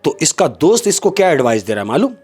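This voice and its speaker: A man telling a comic story as a podcast guest, in an expressive way and often turning to the host. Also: fairly high pitch, fast, slightly rough.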